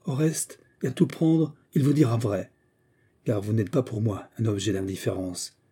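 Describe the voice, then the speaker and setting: A man reading aloud voices a proud, scornful young noblewoman, raising his voice higher and sharper for her haughty, indignant replies. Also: moderate pace, warm tone, slightly rough.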